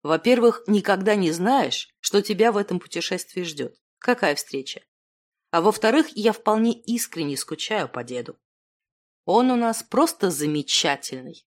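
A woman's voice: medium pitch, animated, normal speed, close to an everyday voice. A woman voicing a self-deprecating thirty-year-old man, a failed artist who talks himself down. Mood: calm. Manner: self-deprecating, fumbling, then heated.

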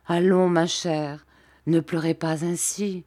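A woman voicing a gentle young man who softly consoles his fiancée in an audiobook. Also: on the low side, flat delivery, takes it slowly. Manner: soft and soothing.

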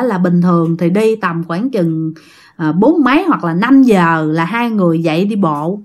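A woman telling listener-sent ghost stories as a channel host, chatty and often talking straight to her audience. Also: medium pitch. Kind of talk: told ghost story narration.

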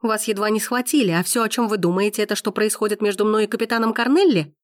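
A woman's voice: mid-range voice, quick pace, no room sound, studio quality, pitched above the performer's own voice, close to an everyday voice. A woman voicing a fiery, indignant young heroine who hurls heated, accusing exclamations. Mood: furious.

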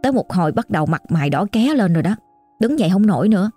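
A woman's voice: mid-range voice, sing-song, fast, mellow, husky, faint music behind. Chatty Southern Vietnamese woman storyteller. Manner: chatty, colloquial, exclamatory. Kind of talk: casual oral storytelling.

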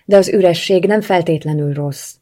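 A woman's voice: on the low side, mellow, natural voice. A woman reading an audiobook voices a caring, outspoken young woman friend who talks earnestly and coaxingly. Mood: encouraging.

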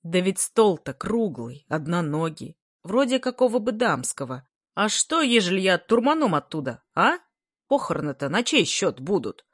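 Woman reader voicing a gloomy teen boy, forced low grumble, slow sardonic delivery. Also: big pitch swings, slightly rough, dry recording, studio quality. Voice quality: grumbling bass put on. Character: gloomy tall teenage boy, deadpan bass.

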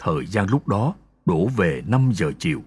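A man narrating a folk ghost story in a dramatic, expressive storytelling manner. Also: fairly low pitch, normal speed. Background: faint music.

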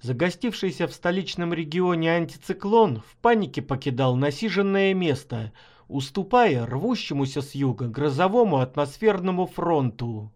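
A man narrating his own short story as an audiobook in a measured, expressive way. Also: a little high. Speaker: author reading his stories.

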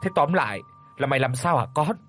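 A gruff old country father fusses and scolds in quick bursts, as a male narrator puts him on. His voice rises and falls a lot and has a slightly husky grain. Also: medium pitch, lively intonation, fairly bright tone. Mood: scolding worried. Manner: scolding, fast, rustic.

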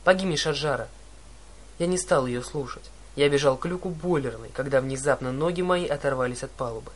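A man reading a first-person adventure story aloud, with dramatic, animated narration. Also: medium pitch, brisk. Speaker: audiobook narrator.

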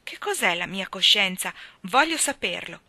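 A woman's voice: medium pitch, big pitch swings, normal speed, sharp tone, no echo, heavily acted. A woman reading an audiobook, voicing a mischievous, contrite small boy in an emphatic, pleading way. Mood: anxious. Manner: pleading, emphatic childlike delivery.

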